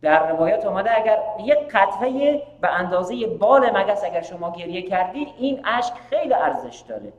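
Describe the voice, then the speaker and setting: A man's voice: high-pitched, sing-song, few pauses, roomy sound, big-room sound, lo-fi sound. A man preaching a sermon, asking rhetorical questions and repeating phrases. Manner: rhetorical questions, repeated phrases, shifts between Persian and English. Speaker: preacher hosting a live-streamed majlis. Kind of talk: sermon with announcements.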